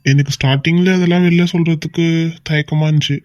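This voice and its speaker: A woman voicing an affectionate young husband in a cartoon, who coaxes and gently teases his wife. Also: low voice, steady tone, quick pace, dry recording, muffled recording, lightly acted. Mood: coaxing, reassuring. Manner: coaxing and gently teasing. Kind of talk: amateur cartoon voice acting.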